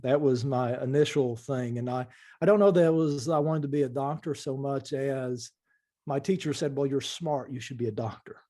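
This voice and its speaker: A man from eastern Kentucky with an Appalachian accent, reflecting as a podcast guest in a thoughtful, halting way. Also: mid-range voice, fairly even intonation, mellow. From eastern Kentucky, USA. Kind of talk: reflective interview talk.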